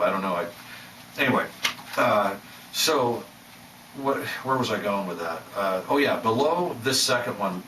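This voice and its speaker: A man's voice: on the low side, bright, forceful tone, reverberant, recorded from a distance, a little hiss or hum, poor audio. A man hosting his own channel, talking in a rambling, self-doubting way with many restarts. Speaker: channel host. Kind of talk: rambling casual monologue.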